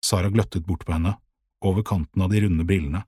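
A man narrating a children's audiobook in a calm, measured way, with a husky voice. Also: deep voice, no echo, clean studio sound.

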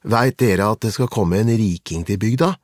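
A man's voice: on the low side, a little mellow, no room sound, clean studio sound, lightly acted. A man voicing an eager, gossiping young village boy in a storybook.

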